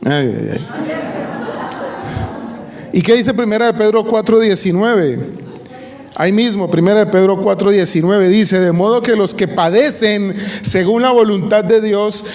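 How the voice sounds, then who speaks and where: A man with a notably high voice preaches a sermon to a church gathering. He fires rhetorical questions at the congregation and slips in joking asides between points. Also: measured pace, darkish tone. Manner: asks the audience rhetorical questions.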